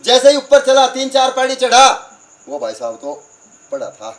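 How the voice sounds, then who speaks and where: A man, preaching at a satsang as a lively storyteller who acts out the dialogue and asks the crowd questions. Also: very high-pitched, normal speed. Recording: far from the mic, crickets in the background.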